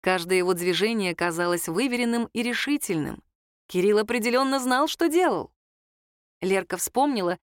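A woman reads an audiobook in a steady, lightly wry storytelling voice. Her pitch sits in a middle range. The recording is close and dry. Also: dry recording. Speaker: audiobook narrator. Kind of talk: scripted narration.

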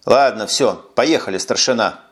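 A man's voice: medium pitch, normal speed, close to an everyday voice. A man voicing a tired, sarcastic police lieutenant who speaks curtly in an audiobook. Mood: weary. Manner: sarcastic, curt. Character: weary sardonic male police lieutenant.

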